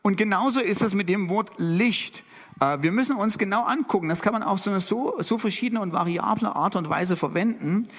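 A middle-aged man preaching a sermon, lively and animated, with dramatic emphasis on key phrases. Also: high voice, fairly quick. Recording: long hall reverb.

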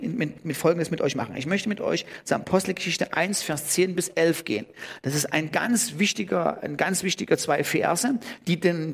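A man preaching a sermon in German, thinking aloud with restarts and rising sharply on key words. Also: on the high side. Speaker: pastor.

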